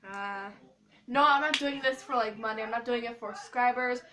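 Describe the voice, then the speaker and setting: Talking to camera at a normal speed, this schoolgirl vlogger has a slightly high, bright voice with a forceful edge, and her manner is goofy, scattered, and playful as she rambles casually. Noise and clicks come through a distant microphone.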